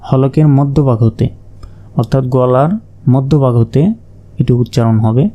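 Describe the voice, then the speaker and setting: A man teaching Quran reading, slowly naming and repeating each Arabic letter and explaining how to pronounce it. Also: medium pitch, fairly even intonation, dark tone. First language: Bengali. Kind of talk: slow letter-by-letter pronunciation lesson.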